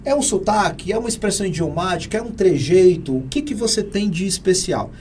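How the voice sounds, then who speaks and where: A man with a Brazilian Portuguese accent answering interview questions in an energetic, emphatic, teacherly way, often posing rhetorical questions. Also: high-pitched, brisk, a little hiss or hum. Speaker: real estate AI consultant guest.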